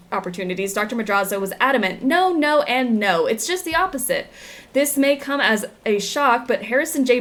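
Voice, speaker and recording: A woman's voice: mid-range voice, slight background noise. A woman giving playful, casual game commentary and reading on-screen text aloud. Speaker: game streamer.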